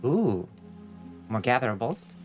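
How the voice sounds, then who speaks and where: A man's voice: mid-range voice, big pitch swings, measured pace. A male game streamer gives casual live commentary, musing aloud as he plays. Faint music plays in the background. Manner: musing aloud to himself and viewers.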